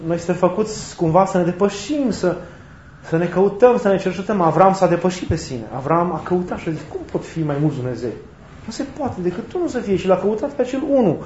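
A man preaching a sermon in a reflective way, often repeating and rephrasing his points, with touches of gentle humor. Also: fairly high pitch, a little hiss or hum. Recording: roomy, slightly dull recording with faint ambience.

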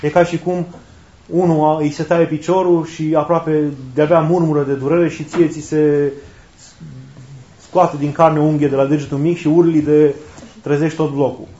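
A man's voice: fairly high pitch, little pitch movement, mellow. Man preaching in an echoey room. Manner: conversational, rhetorical questions and repetition. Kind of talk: sermon. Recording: roomy, dull lo-fi recording.

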